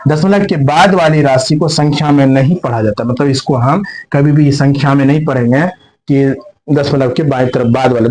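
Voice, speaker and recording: Speaking at medium pitch with a darkish tone, a male maths teacher explains a lesson on the board, asking his own questions and supplying the answers. He goes over every step more than once in different words, slipping in English terms, and the recording is rough.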